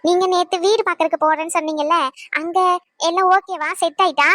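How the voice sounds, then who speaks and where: A woman's voice: very high voice, steady tone, fast talker, fairly bright tone, dry recording, clean studio sound. A woman voicing a cheerful, loving pregnant young wife in a cartoon, coaxing and teasing her husband. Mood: playful. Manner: coaxing, playful, giggly. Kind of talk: cartoon voice acting.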